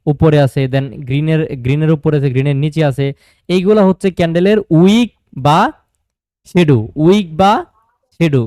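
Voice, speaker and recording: A man's voice: a little high, darkish tone, no echo, studio quality. A man with a Bangladeshi Bangla accent teaching a live online trading class, asking questions and answering them himself and mixing in English terms.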